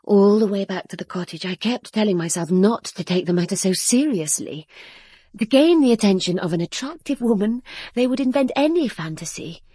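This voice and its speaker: In a radio drama, an actress plays a young bride-to-be who works in a garage, guarded and suspicious as she narrates her betrayal in a reflective, controlled, confessional way. Her mid-range voice is warm and slightly rough, recorded in a clean studio with no echo.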